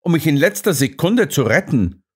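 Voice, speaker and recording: A man's voice: fairly high pitch, very animated, normal speed, husky, voice pushed up, exaggerated voice. A man voicing an earnest, indignant doctor companion in an audiobook. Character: earnest, put-upon male doctor companion.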